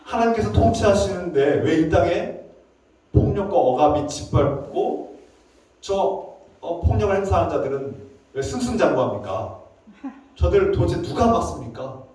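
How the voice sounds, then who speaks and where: An indignant male prophet hurls pleading, accusing questions heavenward, as a preacher acts him out. His voice sits high and strained above the usual, and it booms around a large, echoey church sanctuary. The mic is set well back from him. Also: expressive, moderate pace, dark tone, distant mic. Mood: demanding.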